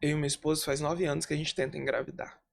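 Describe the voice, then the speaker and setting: A man voicing a distraught woman as she recounts her grief, in a low, subdued retelling. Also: level tone, fast, vocal fry. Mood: grieving.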